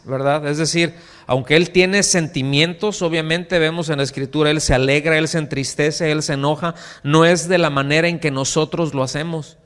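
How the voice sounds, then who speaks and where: Mexican pastor preaching in a reverberant hall. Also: male voice, fairly high pitch, clear, resonant tone. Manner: lively, acts out quoted voices, asks the congregation questions. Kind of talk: sermon. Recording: long church reverb.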